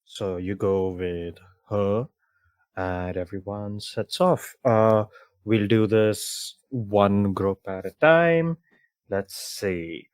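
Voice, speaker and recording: A man narrating a tabletop game as dungeon master, casual and loose, filling pauses with fillers. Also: lowish voice, smooth, no room sound, studio quality.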